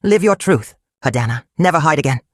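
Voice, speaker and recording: Calm honorable rich man, even measured words, storybook folktale, read by the narrator, dry sound. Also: mid-range voice, no echo, natural voice. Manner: calm, plain, measured speech.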